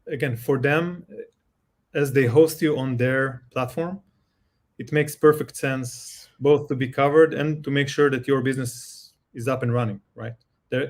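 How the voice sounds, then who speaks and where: A man with an Israeli accent, a guest expert in a live Q&A, explaining calmly with examples and halting rephrasing. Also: mid-range voice.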